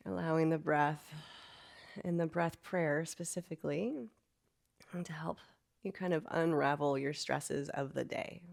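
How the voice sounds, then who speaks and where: Woman, lowish voice, yoga instructor, slow breath prayer, gentle cues, long pauses. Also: gravelly.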